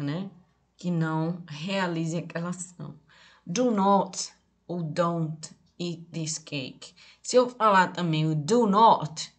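A Brazilian woman teaching English grammar over a live stream, with a slightly low voice. She takes her time and speaks slowly. She explains patiently and spells out each example phrase carefully. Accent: Brazilian Portuguese. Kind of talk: online English grammar lesson. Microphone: streaming setup.

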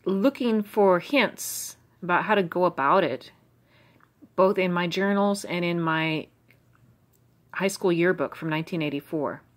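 A middle-aged American woman with a low voice reads through her old journals for a vlog, speaking a little slowly. Her rambling commentary drifts from thought to thought in a musing, stream-of-consciousness way, with plenty of ums and you-knows.

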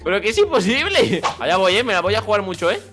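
A man's voice: high-pitched, sing-song, fast, loud music behind the voice. A man playing Minecraft as co-player, eager and cheering, repeating short phrases. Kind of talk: excited Minecraft let's play.

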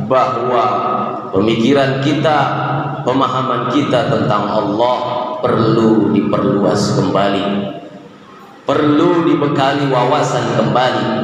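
A man in his thirties giving a Friday sermon, building repeated parallel phrases that rise for emphasis and chanting verses melodically. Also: medium pitch. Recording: echoey hall with faint hiss.

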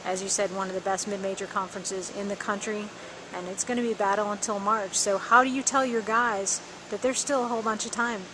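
A woman working as the team's media interviewer, putting prepared post-game questions with statistics in an even delivery. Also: mid-range voice, a little fast, background noise. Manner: scripted, stat-citing, even delivery.

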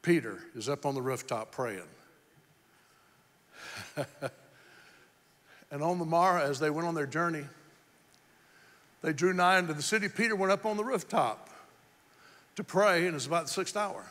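A male pastor preaching an impassioned sermon, swinging between shouts and quick, quieter explanation. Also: on the high side, expressive, big-room sound.

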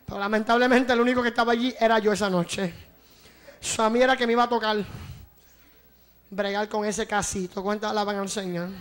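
A man preaches with a strikingly high voice. He delivers a fervent evangelist's sermon and keeps calling out to his congregation. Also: fairly even intonation, brisk, long pauses, a bit bright.

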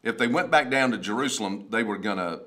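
Older pastor guy, lowish voice, rambly stories, lots of restarts and ums. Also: animated, quick pace, fairly bright tone. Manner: rambling storyteller, frequent restarts and fillers. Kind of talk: casual chat about a sermon. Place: wood-paneled studio, seated at a table.

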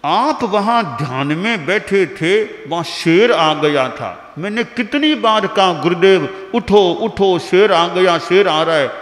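A preacher voicing an earnest young disciple. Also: male voice, high voice, very animated, takes it slowly, few pauses, fairly bright tone, full character voice. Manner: urgent, pleading retelling. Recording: reverberant hall.

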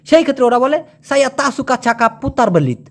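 Chatty man teaching with lively pitch. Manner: chatty, joking, drags out example words slowly. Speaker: language teacher. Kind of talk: casual language lesson.

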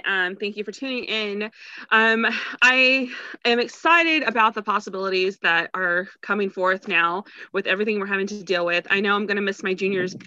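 A young woman with a bright, forceful voice gives an upbeat update from outdoors over a video call, running through a list of items. The sound is dry and somewhat dull and lo-fi. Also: mid-range voice, dry recording.

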